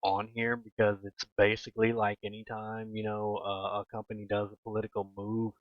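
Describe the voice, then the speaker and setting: A man's voice: lowish voice, monotone, fairly quick, no room sound, lo-fi sound. Exasperated man ranting over gameplay. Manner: exasperated ranting, emphatic repetition. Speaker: gaming YouTuber. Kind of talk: casual gameplay commentary.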